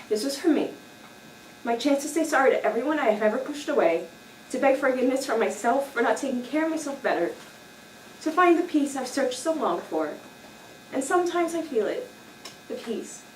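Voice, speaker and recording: A young woman reading her own personal essay aloud at a live show, candid and wry, turning raw and defiant. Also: fairly high pitch. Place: small live performance venue. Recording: echoey room, distant mic, faint noise.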